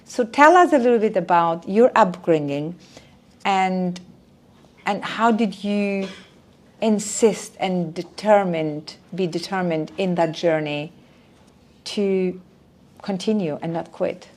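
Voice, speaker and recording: A woman's voice: fairly low pitch, slow. A woman hosting an interview podcast, encouraging her guest and summing up her story before asking questions. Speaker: podcast host. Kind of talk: interview host.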